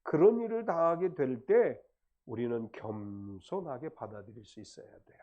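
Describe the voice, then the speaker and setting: A man's voice: mid-range voice, animated, moderate pace, warm tone, dull audio. A man preaching a Sunday sermon as pastor, explaining the meaning of words with rising and falling emphasis. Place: church sanctuary.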